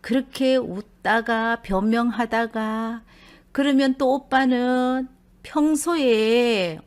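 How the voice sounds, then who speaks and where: A woman's voice: fairly high pitch, takes it slowly, smooth. A middle-aged woman, telling a personal story and acting out what her husband and brother said. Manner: animated, acts out husband and brother in dialect.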